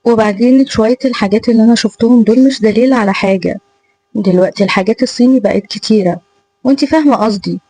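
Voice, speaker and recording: A woman with an Egyptian accent voicing a cold, threatening young male teacher who speaks harshly and with contempt, at a quick pace. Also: on the high side, dark tone, lightly acted, low-quality recording. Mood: contemptuous. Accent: Egyptian Arabic.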